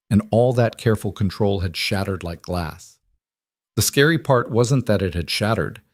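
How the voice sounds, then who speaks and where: A man giving scripted narration of a story in an even, measured way. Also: on the low side, no echo, clean studio sound.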